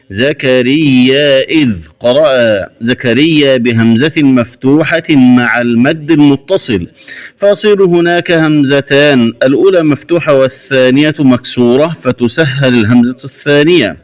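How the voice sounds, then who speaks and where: Man explaining and chanting recitation rules. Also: medium pitch. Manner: brisk rule explanations broken by slow, drawn-out chanted words. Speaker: Quran recitation teacher.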